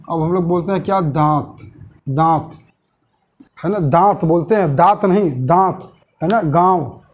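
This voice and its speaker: Hindi teacher asking and answering himself. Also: male voice, high voice, a little mellow. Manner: asks questions and answers them himself; repeats key terms slowly. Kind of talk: online classroom lesson.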